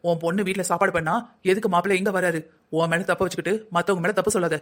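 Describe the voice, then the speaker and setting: A nagging older husband in a cartoon, as voiced by a performer, talking in a quick, middling-pitched voice with a South Tamil Nadu accent. He scolds and grumbles about the household without pause. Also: steady tone, lightly acted. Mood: grumbling. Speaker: voice actor in a family cartoon. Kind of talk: cartoon family comedy acting.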